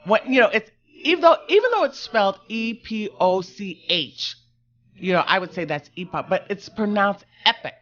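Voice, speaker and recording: A woman's voice: medium pitch, lively intonation, normal speed, lo-fi sound. A woman hosting a talk show, chatty, repeating details and stumbling over names. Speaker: host.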